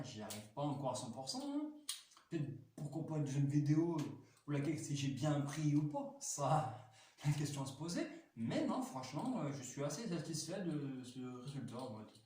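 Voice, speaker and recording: A man's voice: mid-range voice, mellow. Chatty man in a very echoey room. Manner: chatty, full of fillers and restarts, enthusiastic. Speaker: toy reviewer. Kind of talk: rambling casual toy review. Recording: very echoey room, mic at a distance, faint noise.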